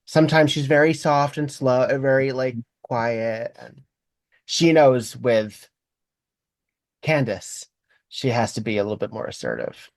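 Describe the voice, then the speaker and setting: A man's voice: medium pitch, measured pace, no room sound. Wry, analytical man co-hosting. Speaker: podcast co-host. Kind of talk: casual episode recap chat.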